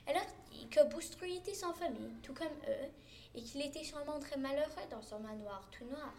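A woman reading a children's Christmas story aloud, expressively and with varied loudness. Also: high-pitched, fairly quick, slight background noise.

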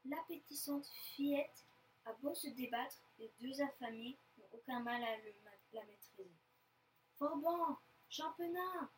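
A woman reading a children's story aloud, lively and expressive. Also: fairly high pitch, normal speed, far from the mic, a little hiss or hum.

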